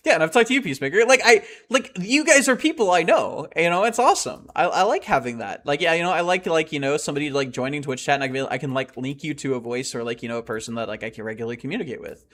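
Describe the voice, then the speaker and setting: Young male streamer, excitable and rambling, with a raised, very animated voice. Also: fairly high pitch, fast. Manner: excitable and rambling, often laughing. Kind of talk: casual chat to live chat while playing.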